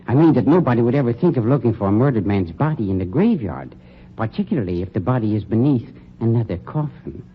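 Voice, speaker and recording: Quick and sing-song, this natural mid-range male voice plays a scheming, refined funeral director in 1940s radio drama fashion. Sneering, smooth and condescending toward his night man, he carries a menacing mood, all captured on a dull, noisy old radio recording.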